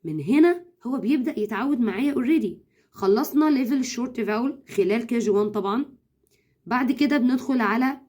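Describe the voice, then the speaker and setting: A woman with an Egyptian Arabic accent, an English tutor giving brisk advice to parents, slipping in English words and slowly sounding out syllables. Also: on the high side, dark tone. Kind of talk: instructional talk to parents.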